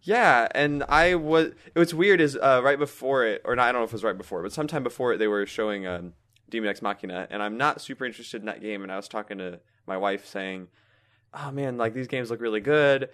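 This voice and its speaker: A man co-hosting a podcast, talking casually and telling rambling, animated stories. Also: medium pitch, fast. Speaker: podcast co-host. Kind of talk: casual chat.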